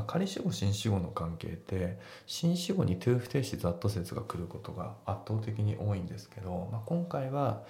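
A man's voice: lowish voice, gravelly, reverberant. A man walking through English test questions in a casual teaching style, explaining each sentence piece by piece. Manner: relaxed explanatory, breaks sentences into grammar parts. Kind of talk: casual exam walkthrough lesson.

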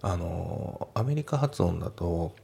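A man walks through an English practice question in a relaxed, chatty teaching manner, with plenty of fillers. His voice sits very low and gravelly, with a mellow, dark tone. A faint hiss runs under the recording. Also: takes it slowly. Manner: relaxed, explanatory, many fillers. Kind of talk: casual lesson walkthrough.

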